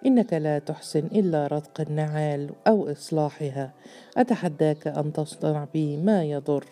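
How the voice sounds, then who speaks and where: A woman's voice: low voice, normal speed, mellow, natural voice. A woman reading the lines of a cold, domineering man who mocks and commands in a curt, hard tone. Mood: scornful.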